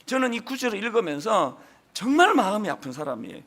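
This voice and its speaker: Forceful high-voiced Gyeongsang-accented pastor. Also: male voice, big pitch swings, fast talker. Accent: Gyeongsang Korean. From Gyeongsang region, South Korea. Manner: emphatic, rising to forceful peaks, folksy asides. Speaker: senior pastor. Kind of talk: Sunday sermon.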